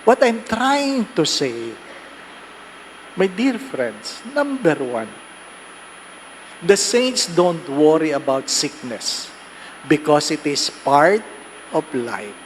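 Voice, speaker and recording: Joking Filipino priest preaching at Mass. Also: male voice, on the high side, sing-song, extremely slow, long pauses, slight background noise. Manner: joking, conversational, constant tag questions. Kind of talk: sermon. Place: church during Mass.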